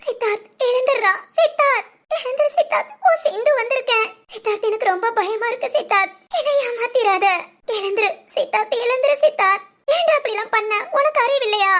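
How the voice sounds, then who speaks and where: A woman's voice: very high-pitched, a little fast, a bit bright. A woman voicing a young village woman in a Tamil cartoon drama, emotional and fiery, pleading and scolding. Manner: pleading, sobbing, then scolding.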